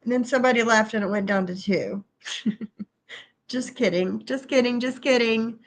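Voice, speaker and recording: This middle-aged woman speaks at a fairly high pitch and a moderate pace, sounding stuffy-nosed. Running a casual home livestream, she greets viewers by name, starting in the bedroom and ending up in the kitchen.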